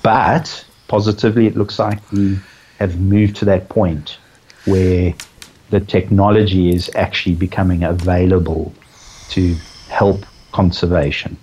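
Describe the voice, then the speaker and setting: Deep-voiced man, dry and reflective. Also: little pitch movement, unhurried, a little mellow, husky, low-quality recording. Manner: dry, reflective, self-aware sarcasm. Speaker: conservation guest. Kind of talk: podcast interview.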